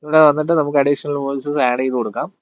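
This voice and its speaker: A man talks through a phone tutorial in a casual, hesitant way, often stopping on fillers. His voice sits at a middle pitch and sounds dry and close. The audio is a little dull. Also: little pitch movement, very fast, dry recording. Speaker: tech tutor.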